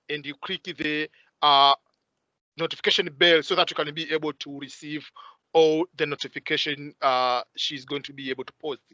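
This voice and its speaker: A man's voice: fairly high pitch, bright, forceful tone, no room sound, muffled recording. A man hosting an interview over a video call, talking with many hesitant "uh" fillers. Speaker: host.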